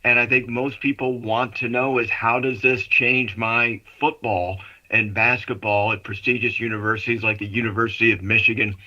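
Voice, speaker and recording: A man talking sports on a radio call-in, explaining at length in a chatty way. His voice is very bright and sharp, yet it arrives dull and muffled, as if coming through a wall over a lo-fi remote line. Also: medium pitch, little pitch movement, moderate pace, hardly any pauses. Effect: muffled, as if heard through a wall. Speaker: sports commentator.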